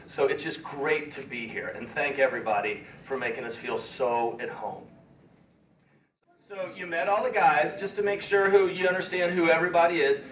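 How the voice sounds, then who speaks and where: A man leading an expedition gives an earnest, halting, emotional speech to schoolchildren, recorded from far off in a large room. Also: on the high side, fairly bright tone. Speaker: expedition leader. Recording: echoey room from far off, faint ambience.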